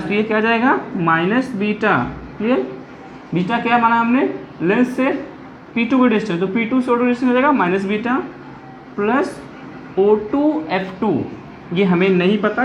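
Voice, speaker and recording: A physics teacher working through a derivation step by step. The teacher dictates formulas deliberately, mixes in English technical terms and often stops to ask whether it is clear. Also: mid-range voice, slight background noise. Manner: switches between Hindi and English technical phrases. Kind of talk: blackboard-style lecture working through a derivation. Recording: echoey room, dull lo-fi sound.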